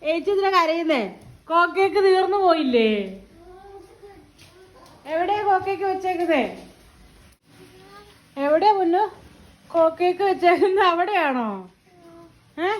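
A woman's voice: very high-pitched, normal speed, long pauses. A mother at home talking to her toddler in coaxing, teasing baby talk full of repeated questions.

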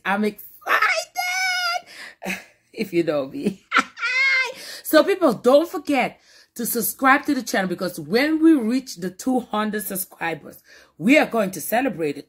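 A woman mukbang vlogger chatting playfully to her viewers, with bursts of laughter and shouts. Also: mid-range voice, slightly rough. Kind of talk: casual chat to camera.

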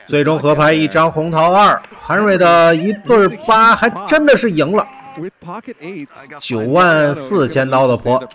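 A man giving recorded poker highlight commentary as a voice-over, animated, with rhetorical questions and exclamations. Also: a little slow.

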